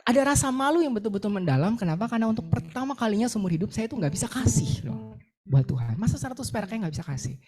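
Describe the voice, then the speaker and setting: Lively woman preaching a personal testimony. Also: a little high, fast talker, soft background music. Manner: lively storytelling, acts out her own words and prayers. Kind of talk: sermon testimony.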